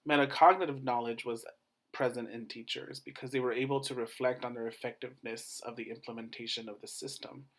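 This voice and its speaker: A man presents research in a formal, scripted academic style, like a doctoral student at a defense. His voice sits at an average male pitch, and he moves through his points in measured, short phrases. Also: steady tone, fairly bright tone.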